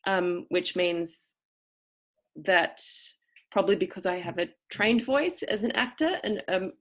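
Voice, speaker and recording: Teaching an acting seminar over a video call, a woman with a cultivated, trained-sounding Australian accent explains ideas thoughtfully, pausing often as she searches for the right word. Her voice is at a middle pitch for a woman, with lively intonation.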